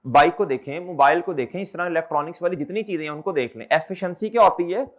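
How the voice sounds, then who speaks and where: High-voiced male accountancy teacher lecturing. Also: fast talker. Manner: repeats questions back to students; calls students brother and children. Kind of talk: classroom lecture.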